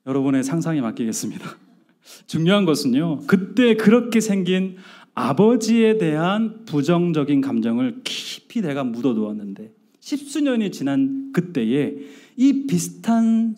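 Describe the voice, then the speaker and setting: His voice is on the high side, sing-song and dark in tone, at a normal speed. The middle-aged pastor tells a family story in his sermon, performing the dialogue, questioning the congregation, and building to emphatic outbursts.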